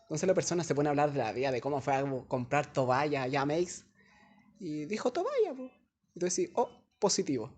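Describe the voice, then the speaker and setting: A man's voice: on the high side, fairly quick. A young man with a Chilean accent, a teaching assistant explaining an assignment in a chatty, digressive classroom talk full of casual slang, recorded on a phone in a classroom. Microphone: phone held by a student.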